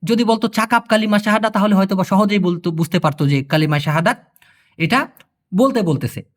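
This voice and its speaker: A man from Bangladesh teaching phrases in a casual spoken lesson, explaining patiently, repeating words slowly and asking his viewers questions. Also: high voice. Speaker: language tutor.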